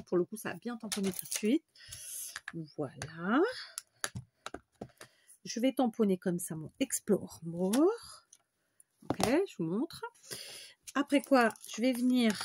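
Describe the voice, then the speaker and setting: A woman's voice: mid-range voice, noisy background. A woman hosting a casual crafting tutorial, chatty and thinking aloud as she works, sometimes talking to herself.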